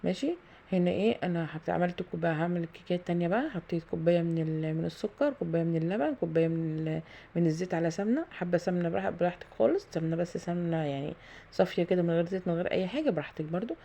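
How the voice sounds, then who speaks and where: In her kitchen, a home cooking video host with an Egyptian Arabic accent narrates a casual tutorial, thinking aloud and sprinkling in lots of fillers and pious expressions. She talks in an animated, rapid-fire way, her fairly low voice creaky and dark in tone.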